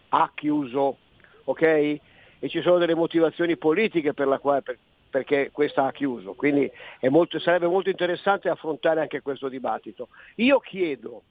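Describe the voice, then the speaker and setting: A man's voice: a little high, dry recording. Older man talking over a tinny phone. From Friuli Venezia Giulia, Italy. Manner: emphatic, insistent, frequent restarts. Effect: heard over a phone line. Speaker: caller. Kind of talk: call-in talk radio. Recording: tinny dry phone line.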